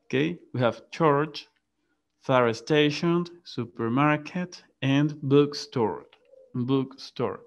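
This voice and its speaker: Male English teacher, slow and patient, drilling vocabulary in a muffled online class. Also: mid-range voice. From Latin America. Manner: patient, repeats and drills words aloud.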